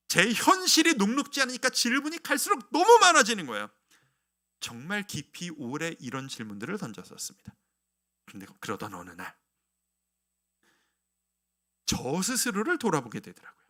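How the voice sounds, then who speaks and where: A man's voice: sits high, sharp tone. A male pastor in his thirties preaching a sermon, telling stories and acting out his own past prayers.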